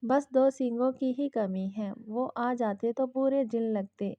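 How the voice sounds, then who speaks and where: A woman voicing a frightened, childlike young wife who pleads softly and then bristles, in a dull lo-fi recording. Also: fairly high pitch, no room sound, natural voice. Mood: indignant. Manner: timid and pleading, then indignant.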